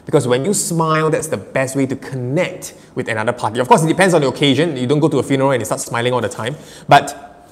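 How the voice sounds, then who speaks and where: A man's voice: medium pitch, quick pace. Guy in his 30s doing a live q and a on public speaking, upbeat and punchy, medium voice, lots of hall echo. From Singapore. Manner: energetic, emphatic, laughs often. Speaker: public speaking coach answering live questions.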